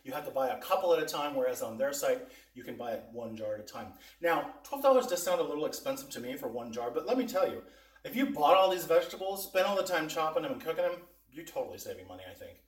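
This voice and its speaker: Male home-cooking host, chatty and folksy, slightly high voice, roomy sound away from the mic. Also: big pitch swings, fast. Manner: chatty, folksy, addresses viewers directly. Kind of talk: casual taste-test and cooking demonstration. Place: indoors in a kitchen. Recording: roomy echo, distant microphone.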